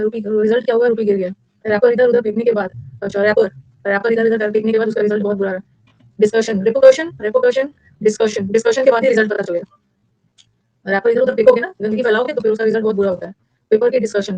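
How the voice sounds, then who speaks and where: A woman teacher running a lively classroom lecture, drilling vocabulary with repetition and mnemonics. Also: vocal fry, no room sound. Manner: energetic, repetitive, with sudden high-pitched emphasis. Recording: dull lo-fi dry recording.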